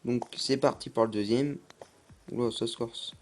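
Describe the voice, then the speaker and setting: A man's voice: medium pitch, fairly even intonation, moderate pace, noisy background. A young man giving casual gameplay commentary, hesitant and full of fillers. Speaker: gaming YouTuber.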